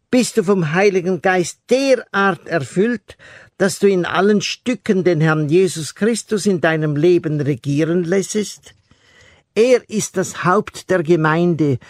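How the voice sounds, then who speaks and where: Male radio preacher, high voice, slow and earnest, dry studio sound. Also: no room sound. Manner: earnest, exhorting, addresses the listener directly. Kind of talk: radio sermon.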